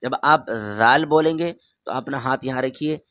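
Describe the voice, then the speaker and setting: A man teaches a beginner's Quran reading lesson in a medium-pitched voice. He explains each letter patiently, stretches and projects the letter sounds, and keeps asking the listener to say them back. The sound is dry and close, with no room echo. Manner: patient, repeats each letter loudly and drawn out; talks straight to the learner, asks them to repeat.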